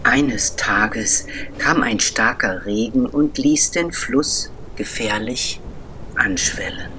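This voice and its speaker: A man telling a children's story as scripted narration, slow and deliberate with dramatic pauses. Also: medium pitch, sharp tone, a little hiss or hum.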